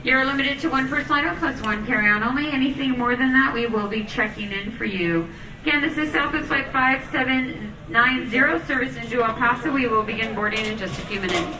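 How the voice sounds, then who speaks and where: Echoey, high-voiced woman gate agent announcing boarding. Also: a little fast, pushed and bright. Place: airport gate area, over public address. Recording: echoey terminal PA, distant, background noise.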